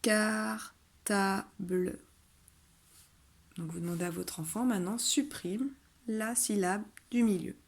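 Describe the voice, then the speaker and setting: Patient teacher woman, slightly gravelly voice. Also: medium pitch. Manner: patient, explanatory, says example words loudly and slowly. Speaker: kindergarten teacher. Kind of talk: home-schooling video lesson for parents.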